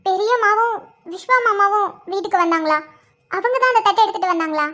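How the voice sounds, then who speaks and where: A woman voicing a distressed, stubborn young heroine in an animated cartoon, pleading and worried. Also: extremely high pitch, quick pace. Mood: demanding.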